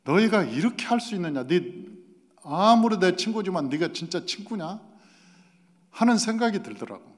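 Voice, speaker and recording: Animated Korean pastor in echoing hall. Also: male voice, sits high, moderate pace. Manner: animated, acts out quoted dialogue. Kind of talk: sermon with storytelling. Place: church sanctuary. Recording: long reverb of a church hall.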